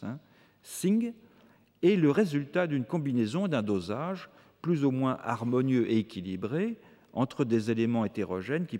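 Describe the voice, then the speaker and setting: A man with a mid-range, slightly mellow voice reads out a formal academic lecture in front of a hall audience. His sentences are long and measured, broken now and then by hesitant fillers.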